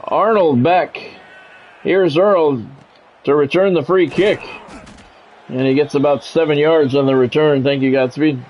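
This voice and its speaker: Unhurried and a little mellow, this slightly high male voice pauses often while giving football play-by-play for a video game. His phrases are short and clipped, his asides casual, dry and blunt, fitting a sports video game streamer and commentator. A dull, lo-fi microphone adds faint noise.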